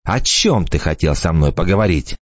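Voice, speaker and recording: A male narrator voicing a fierce, frightened young woman who hisses threats and shouts, in a dull, dry recording. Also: deep voice, expressive, moderate pace, dry recording, voice pushed down. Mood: interrogating.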